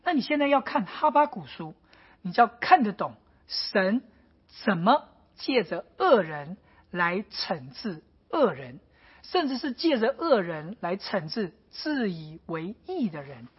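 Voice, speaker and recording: A woman's voice: medium pitch, sing-song, a little slow, slightly rough. A woman preaching a sermon, acting out pleading prayers with dramatic intensity. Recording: dull lo-fi recording.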